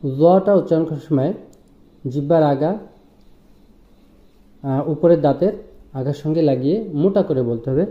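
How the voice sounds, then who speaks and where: A man teaching Quranic letter pronunciation in a slow, patient lesson, drawing out each sound as he demonstrates it. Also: fairly high pitch. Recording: roomy, dull lo-fi sound.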